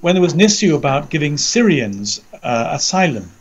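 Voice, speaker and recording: Dull lo-fi call, measured English man. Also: fairly high pitch, big pitch swings, husky. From Britain. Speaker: commentator, co-presenter. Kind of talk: conversational news commentary. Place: indoors under a roof, remote audio call.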